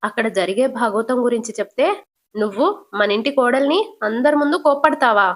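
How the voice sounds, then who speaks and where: A woman's voice: on the high side, brisk, lightly acted. Woman voicing a mild older father-in-law. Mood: reproachful.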